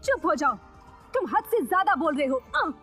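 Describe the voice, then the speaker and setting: A woman's voice: very high voice, sing-song, normal speed, fairly bright tone, faint music behind, full character voice. An actress dubbing a snobbish, cruel young woman who speaks with haughty contempt. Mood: scornful. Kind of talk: Hindi dubbed TV drama acting.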